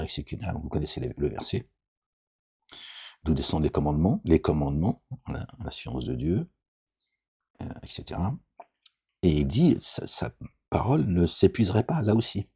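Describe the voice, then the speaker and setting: The voice is a middle-aged man's, very deep and mellow with a breathy edge. His religious talk is loose and digressive, peppered with jokey asides and frequent "d'accord?" check-ins with listeners.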